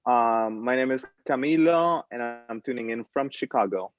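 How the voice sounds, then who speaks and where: A man from Colombia, a band member, talking in a relaxed, rambling way during a casual interview. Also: medium pitch, moderate pace, no room sound, lo-fi sound. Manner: relaxed, rambling, laughs easily.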